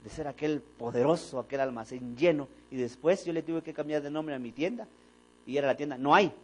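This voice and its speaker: A man's voice: on the high side, fairly quick, low-quality recording. A man preaching a sermon in a church, telling stories and acting out the dialogue. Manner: animated storytelling, acting out dialogue. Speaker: pastor. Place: church sanctuary.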